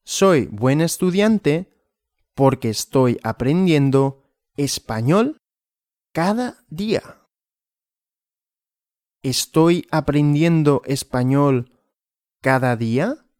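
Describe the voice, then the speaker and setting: Very slow and deliberate, a man teaching Spanish runs a graded lesson built on questions and answers, repeating and posing questions to himself. His voice is on the high side with lively, rising-and-falling intonation, captured in a dry, close recording.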